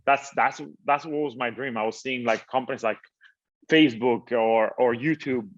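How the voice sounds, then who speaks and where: A man from Italy, founder and interview guest, answers in a halting way, full of fillers and repeated words. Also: mid-range voice. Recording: slightly dull, lo-fi audio.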